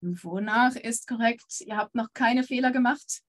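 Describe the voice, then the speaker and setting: Female language teacher, fairly high voice, upbeat and praising, mixes German and English. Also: unhurried. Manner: encouraging, switches between German and English explanations. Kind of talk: online language lesson with quiz.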